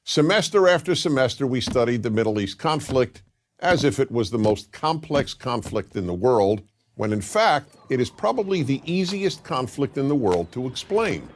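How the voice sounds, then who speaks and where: A man giving a scripted explanatory talk like a lecturer, in a deliberate, didactic way with emphatic pauses. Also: mid-range voice, sing-song. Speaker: commentator and lecturer.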